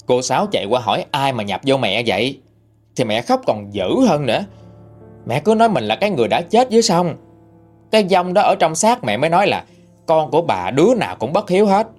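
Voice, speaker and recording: A man tells a ghost story as if chatting to a friend. His pitch rides up and down with plenty of life, and soft music plays faintly underneath. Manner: conversational, animated retelling. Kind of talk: storytelling narration.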